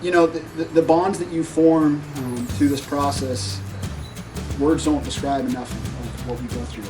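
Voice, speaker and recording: Emotional man, halting speech, distant mic, music behind. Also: fairly high pitch, fairly even intonation. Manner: emotional, halting, many ums. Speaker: surgical resident giving a graduation tribute. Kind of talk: unscripted speech at a ceremony.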